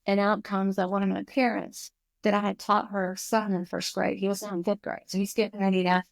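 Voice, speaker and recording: A woman in her fifties, a podcast guest, telling a personal story in an animated, emotional way. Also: medium pitch, fairly quick, gravelly, dry recording. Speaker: guest, recovery school founder.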